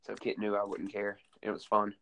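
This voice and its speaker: A man's voice: on the low side, completely flat delivery, normal speed, creaky, background noise. A man recapping a wrestling event in casual podcast chat, rambling and full of fillers. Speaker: co-host recapping a wrestling show.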